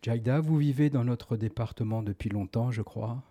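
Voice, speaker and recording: A man hosting a radio interview, jovial and quick to laugh. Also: medium pitch, mellow. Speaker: radio host.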